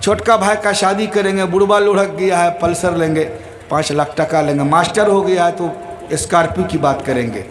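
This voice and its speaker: A man voicing a greedy young son who is plotting how to spend his father's inheritance. He mutters quickly and sounds calculating. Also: high voice, fairly even intonation, a little hiss or hum, voice pushed down, natural voice. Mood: scheming.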